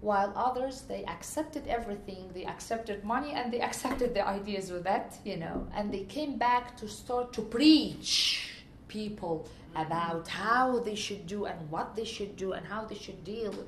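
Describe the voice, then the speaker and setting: An Egyptian woman speaks English with an Egyptian accent in a mid-range voice, a little slow and with few pauses. She earnestly recounts her experiences in a conversational interview, often restarting as she searches for words. The room is echoey, with faint ambient noise.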